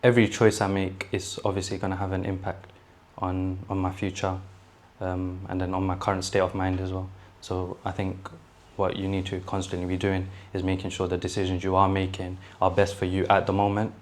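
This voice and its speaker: Deep-voiced young man. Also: monotone, brisk. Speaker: interviewee. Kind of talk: casual interview answers.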